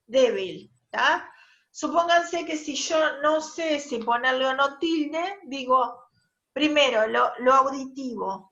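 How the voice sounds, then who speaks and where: A woman's voice: high voice, a bit bright, highs cut off. A woman teacher, explaining a grammar rule step by step in an online class and checking in with her students. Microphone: video call.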